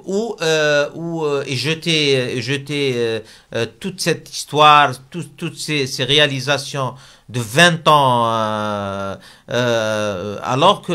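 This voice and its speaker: A man from Algeria, speaking as a guest in a debate interview. He talks haltingly, with many fillers and restarts. His voice sits at an everyday pitch for a man. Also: pushed and bright. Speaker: business leader guest.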